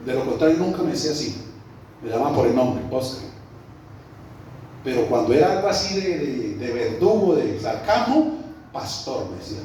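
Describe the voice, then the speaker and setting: In a church hall, a Colombian Spanish-accented pastor delivers a sermon and tells a story to his congregation in a conversational way. He speaks animatedly in a mid-range, dark-toned voice, a little fast. The distant mic picks up roomy echo and faint background noise.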